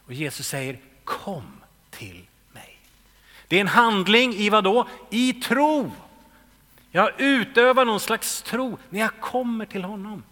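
A man's voice: high-pitched, big-room sound. Man preaching, whispering then calling out. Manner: swings between hushed whispers and loud calls. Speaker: pastor. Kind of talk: sermon. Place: church.

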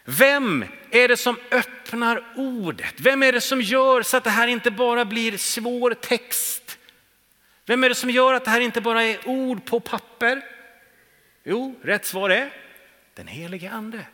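A man preaching a sermon with rhetorical questions, his voice dipping soft and swelling again. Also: very high-pitched. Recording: long hall reverb.

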